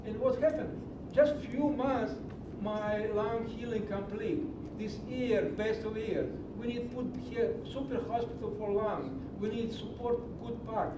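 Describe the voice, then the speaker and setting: A middle-aged Greek man keeps a steady tone, speaking unhurriedly with hardly any pauses as he delivers a passionate, preachy public comment in broken English at a county meeting. He is recorded from afar in a large meeting hall full of echo and low rumble.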